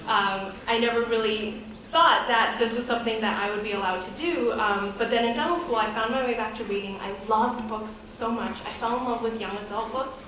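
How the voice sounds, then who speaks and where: A woman's voice: on the high side, recorded from a distance, noisy background. A woman in her thirties from the United States, giving a candid, conversational personal talk as a guest presenter at a podium. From United States, grew up in Boston. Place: event hall, speaking at a podium. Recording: very echoey hall.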